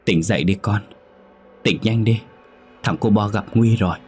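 A man's voice: lowish voice, normal speed, close to an everyday voice. A man voicing the ghost of an elderly grandmother urgently warning her granddaughter in a dream, in a spoken horror story.

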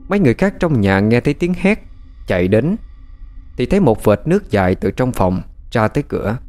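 A man narrating a scripted horror story with lively, dramatic delivery. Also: mid-range voice, a little fast. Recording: faint music behind.

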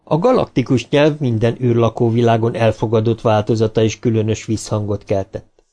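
A man with a mid-pitched voice narrates a novel for an audiobook. His reading is even and measured. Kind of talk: scripted narration.

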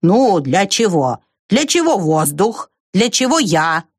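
A woman voicing a grumpy male beaver who talks slowly and grumbles. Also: mid-range voice, very animated, slightly rough, no echo, clean studio sound, exaggerated voice. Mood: grumbling. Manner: slow, measured and grumbling.

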